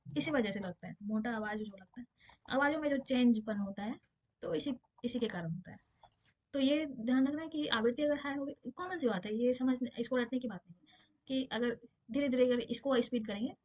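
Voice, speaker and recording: A woman's voice: fairly high pitch, darkish tone. A woman physics teacher giving a casual exam-prep lesson, explaining with everyday examples and often checking that her students understand.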